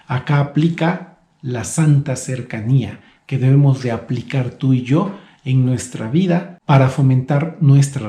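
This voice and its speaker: A man in his thirties preaching a soft, earnest, reflective devotional sermon. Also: mid-range voice, roomy sound.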